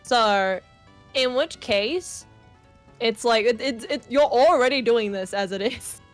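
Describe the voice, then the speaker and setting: A woman with a slightly high voice hosts a casual livestream, talking in an upbeat, chatty way and laughing often. Faint music plays quietly behind her. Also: takes it slowly. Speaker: livestream host. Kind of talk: casual chat while drawing.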